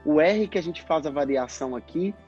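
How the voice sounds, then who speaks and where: A man, a speech therapist, explaining pronunciation in a casual live chat, in halting bursts. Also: fairly high pitch, expressive, darkish tone. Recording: dull lo-fi stream audio, faint music.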